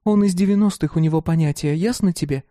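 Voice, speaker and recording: A man's voice: fairly high pitch, fast, mellow, no echo, studio quality, pitched above the performer's own voice, natural voice. A man voicing a brash, harsh young woman who talks bluntly and coarsely. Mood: hard.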